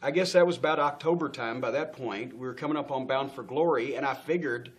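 In an indoor studio set under stage lights, a middle-aged man appears as an interview guest, speaking with a mid-range voice at a slightly fast pace. He tells a long backstage story, acting out the people he quotes, swearing freely and laughing often.

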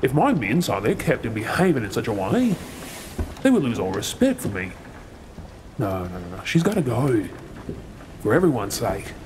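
In this dramatic audio role play, an Australian ASMR performer plays a menacing, gruff pirate captain with a hidden soft heart, while ship sounds and ambient noise play behind him. His natural, medium-pitched delivery has a sing-song quality at a moderate pace with long pauses, and the mood is brooding and conflicted, though he stays sardonic, swaggering and commanding.

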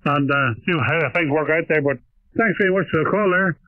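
A man from Ireland, heard over a shortwave radio as a ham operator, speaking in steady radio procedure and ending each turn with "over.". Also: fairly high pitch, a little fast, no room sound. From Northern Ireland. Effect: heard over a shortwave radio receiver. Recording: tinny narrow-band radio signal.

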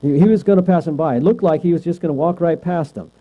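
This man's voice is a little high, and he talks fast. He's teaching a Bible class conversationally, regularly asking the group questions and tossing in "right?" to check on them, captured on a lo-fi recording with mains hum.

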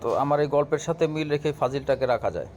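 In a high-leaning, darkish voice, a man rattles through a casual app tutorial very quickly, instructing viewers directly step by step. The recording carries clear background noise and room ambience.

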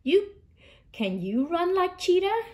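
A woman reads as a strong female elephant from a children's storybook, grumpy and huffy. The voice sits high and moves around a lot. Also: big pitch swings, takes it slowly, exaggerated voice.

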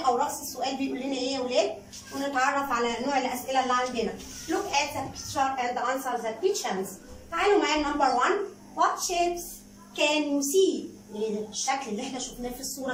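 Brisk Egyptian woman teacher, echoey. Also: high voice, fairly bright tone, distant mic. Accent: Egyptian Arabic. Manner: brisk explaining, addresses pupils as kids. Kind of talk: recorded online school lesson.

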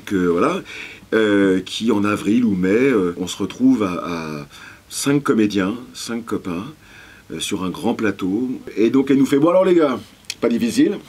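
A man, a voice actor as interview guest, telling casual stories in a lively way, swearing freely and often searching for words. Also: fairly low pitch, unhurried, slightly rough. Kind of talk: casual anecdotal storytelling.

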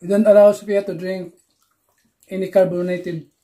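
A woman's voice: medium pitch, flat delivery, normal speed, dark tone. A woman from the Philippines with a Filipino accent, chatting casually in a family vlog and switching easily between Tagalog and English. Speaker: vlogger and mother.

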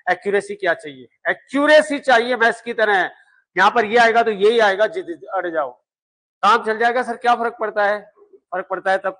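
A man's voice: high voice, fairly bright tone. Emphatic man drilling a class. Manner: emphatic, repetitive drilling, rhetorical questions. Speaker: law exam coaching teacher. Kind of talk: classroom lecture.

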